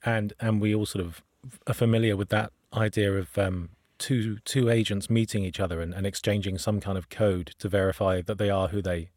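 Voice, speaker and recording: A man's voice: fairly low pitch, steady tone, moderate pace, few pauses, darkish tone, no room sound, studio quality. A man co-hosting a casual podcast chat, playful, with chuckling asides. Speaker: podcast co-host.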